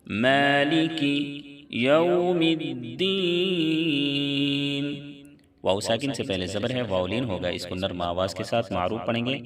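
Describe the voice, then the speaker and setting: A man's voice: sits low, recorded from a distance, soft background music. Quran tutor, male, patient step-by-step tajweed lesson, voice set back from the mic. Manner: explains each letter plainly, then recites slowly and drawn out. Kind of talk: tajweed lesson with slow chanted recitation.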